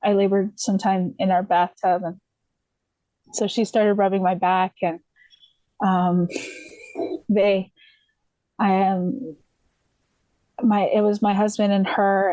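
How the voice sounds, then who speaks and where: A podcast guest from the USA tells her story in a casual, meandering way, stopping and restarting her sentences and filling gaps with little ums. Her voice is medium-pitched. It sits close and dry, with no room sound around it. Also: flat delivery, takes it slowly, long pauses, dark tone, dry recording, muffled recording. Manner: rambling, many fillers and restarts; laughs lightly while telling.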